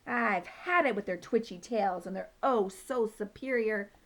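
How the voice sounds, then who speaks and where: A woman's voice: medium pitch, measured pace, close to an everyday voice. Poo Poo, a woman voicing a ranting squirrel-hating dog. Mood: determined. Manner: shouty, indignant rants. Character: excitable male dog obsessed with hating squirrels. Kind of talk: children's book read-aloud.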